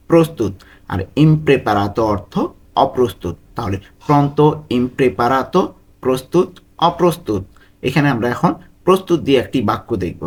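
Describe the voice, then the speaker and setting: A man at a middle pitch leads a step-by-step vocabulary lesson. He works through it slowly and patiently, saying each word more than once. He poses a question and then answers it himself. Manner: slow, repeats each word and meaning, asks and answers his own questions. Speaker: language tutor.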